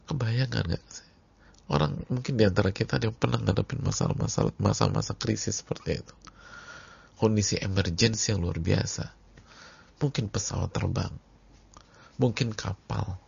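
A male Islamic preacher, giving a sermon as vivid storytelling that swings from whispers to loud, dramatic outbursts. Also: fairly low pitch, normal speed, creaky, pauses often, slightly rough. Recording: dull lo-fi lecture recording.

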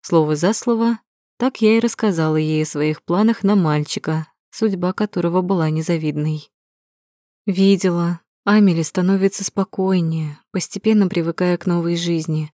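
A woman reading a first-person novel aloud in an even, measured storytelling manner, close to the mic. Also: on the low side, dry recording. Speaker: audiobook narrator. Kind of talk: first-person audiobook narration.

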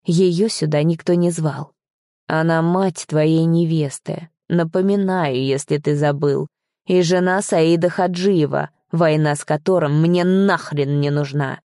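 A furious, authoritarian father, as a woman reading an audiobook puts him on, lecturing slowly and menacingly. The voice sits low and dark, and the recording is dry. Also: steady tone, dry recording. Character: angry stern father, hissing and authoritarian. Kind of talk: audiobook character voice.

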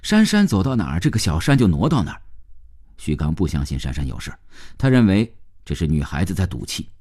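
A man narrating a story in a low, subdued way. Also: sing-song, fairly quick, darkish tone.

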